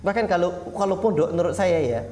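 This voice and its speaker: This Islamic preacher talks fast in a high, slightly mellow voice. In a small prayer hall he gives parents a religious lesson, asking rhetorical questions and acting out little exchanges between parent and child.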